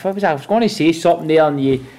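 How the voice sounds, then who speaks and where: A man's voice: a little high, rapid-fire, mellow. A man with a Glasgow street accent hosting a podcast in casual, sweary, teasing banter. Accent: Glasgow and west of Scotland street accent. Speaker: podcast host.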